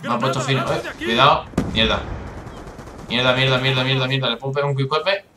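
A man with a Spain Spanish accent giving excitable, swearing live commentary over his own gameplay, with bursts of frustration. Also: mid-range voice, brisk, reverberant, slight background noise. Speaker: gaming YouTuber.

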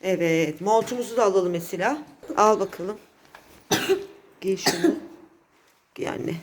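A woman's voice: medium pitch, a little slow, a little hiss or hum. A woman in her thirties, a mother and family vlogger, chatting in a coaxing way to her child and her viewers. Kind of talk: family vlog chat.

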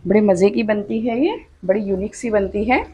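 With a mid-range, mellow voice that's slightly rough, a woman narrates a step-by-step cooking voice-over at normal speed from her home kitchen. As the channel's host she is conversational and instructive, regularly saying "dekhiye" and "achha."

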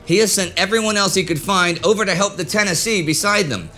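A man's voice: sits high, sharp tone. Man narrating history over music. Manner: measured storytelling with direct asides. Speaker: host. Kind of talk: scripted documentary narration. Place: indoor studio set with a desk.

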